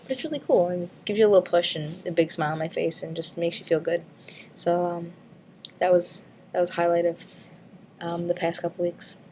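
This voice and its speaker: A woman vlogger talks through her week in a loose, rambling way. She is frank and casual, with plenty of ums and likes and the odd swear word. Her voice sits a little on the low side. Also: steady tone, fairly quick, warm tone, slight background noise. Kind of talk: casual weight-loss update vlog.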